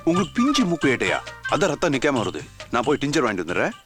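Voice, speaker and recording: An actor playing a brisk, impatient young police constable in a film comedy, speaking curtly. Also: male voice, mid-range voice, huge pitch swings. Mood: eager. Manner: quick, curt, exasperated. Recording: film soundtrack with music.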